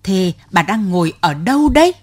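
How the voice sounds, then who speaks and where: A man's voice: high voice, very animated, moderate pace, no room sound, clean studio sound. A woman voicing an elderly male cyclo driver who loses his temper and snaps at a passenger, in a storybook reading. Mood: angry. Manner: exasperated, snapping.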